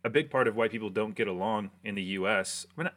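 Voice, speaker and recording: Bright-voiced American man chatting casually. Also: on the low side, fast talker. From United States. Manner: relaxed, rambling, lots of fillers. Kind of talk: casual chat.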